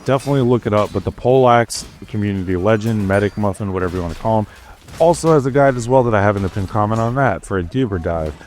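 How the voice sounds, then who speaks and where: A young man giving a relaxed, conversational voice-over commentary on his own gameplay and sharing tips. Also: fairly low pitch, fast, a little hiss or hum. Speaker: gaming YouTuber narrating gameplay.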